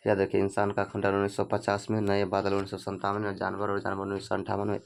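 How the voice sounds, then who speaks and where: A man's voice: lowish voice, gravelly. A man coaching students for an exam, asking each question and repeating the answer for them to remember. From Bihar, India. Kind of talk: exam prep lesson.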